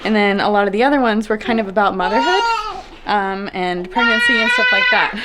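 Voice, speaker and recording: A woman in her twenties, a family vlogger, chatting casually to camera and sometimes lifting into a high sing-song voice for her toddler. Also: very animated, brisk, very noisy. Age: 20s. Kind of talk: casual vlog chat. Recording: roomy home recording with faint music.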